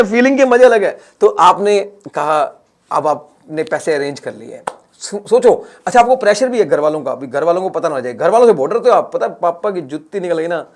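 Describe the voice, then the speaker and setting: A man teaching a class, lecturing in a lively way, repeating words and acting out small scenes to explain. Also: a little high. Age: adult, has a son. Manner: animated, repeats words, acts out little scenes.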